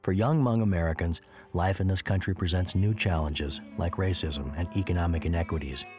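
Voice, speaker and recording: A man narrating a documentary in a measured, informative scripted read. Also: deep voice, over music.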